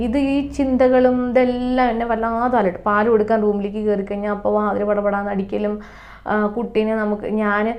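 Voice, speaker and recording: A woman's voice: a little high, muffled recording. Earnest young woman telling her story. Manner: earnest, emotional, lively, with many restarts and repetitions. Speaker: mother sharing her experience. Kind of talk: personal testimony, casual monologue.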